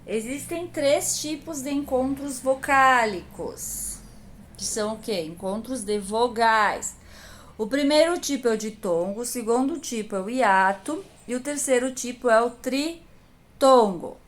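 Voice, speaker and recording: A primary school teacher, her voice a little high and animated, patiently walks young pupils through a grammar lesson at a measured pace. She poses questions and then answers them herself.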